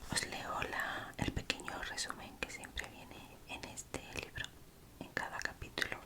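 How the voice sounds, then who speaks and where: A woman with an accent from Spain reads true crime aloud as ASMR in a breathy, unvoiced whisper, softly and unhurried, in short phrases. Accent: Spanish, from Spain. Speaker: ASMR host reading aloud.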